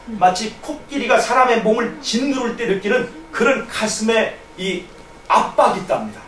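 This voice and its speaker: A man preaching a sermon and telling a personal testimony in an earnest storytelling manner, his voice dropping to a hush and then rising. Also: very high-pitched. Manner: earnest storytelling, swinging from hushed to raised. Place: church hall. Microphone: distant room mic on a live stream. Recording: echoey church from a distance, faint noise.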